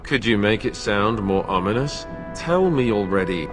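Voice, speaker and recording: A man's voice: lowish voice, expressive, normal speed, music in the background, lightly acted. An actor playing a boyish, sarcastic young king-to-be in a fantasy game, joking and exasperated, in a reverberant space. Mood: wry, curious. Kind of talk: dramatic fantasy game dialogue. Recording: long reverberant hall echo.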